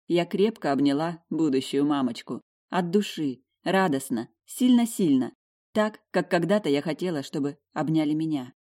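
Woman reading a romance audiobook. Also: low voice. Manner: emotional, lively reading. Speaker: audiobook reader. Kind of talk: first-person audiobook narration.

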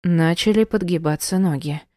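A woman's voice: lowish voice, moderate pace, darkish tone, dry recording, clean studio sound. A woman narrating an audiobook in the first person, reading with strong emotion.

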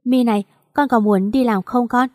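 A woman narrator voicing an aging, kindly father who calmly encourages his daughter. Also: on the high side, normal speed, dry recording, studio quality, natural voice.

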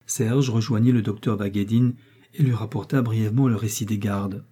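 A man narrating a classic novel as an audiobook in a measured storytelling manner. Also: fairly low pitch, fairly even intonation, dark tone, slightly rough.

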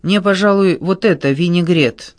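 A man's voice: sits high, normal speed, no echo, studio quality, close to an everyday voice. A man voicing a sullen, hungover sixteen-year-old boy who mumbles apologetically in an audiobook. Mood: hesitant.

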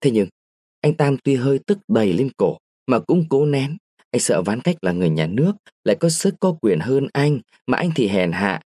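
A male audiobook narrator reads a story in a lively way, shifting his tone for effect. His voice sits at a middle pitch. The recording is dry and close, with no room sound. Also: no echo.

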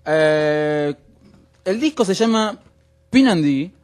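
A man with an Argentine accent hosting a radio show, explaining things in a wry, relaxed way with lots of fillers. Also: a little high, moderate pace. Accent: Argentine Spanish. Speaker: radio host. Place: radio studio.

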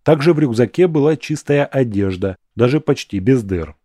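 A man reading a first-person fantasy audiobook in a steady, plain storytelling manner. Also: mid-range voice, normal speed, no echo, studio quality. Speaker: audiobook narrator.

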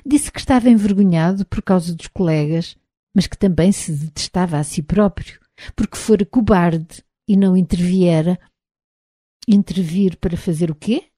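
A woman's voice: on the low side, no echo, clean studio sound. Woman reading a novel in European Portuguese. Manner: measured, even literary reading. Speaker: audiobook narrator. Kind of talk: scripted audiobook narration.

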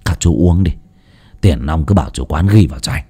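A man voicing a tired older craftsman speaking gruffly. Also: a bass voice, animated, a little fast, warm tone, voice pushed down, full character voice. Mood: weary.

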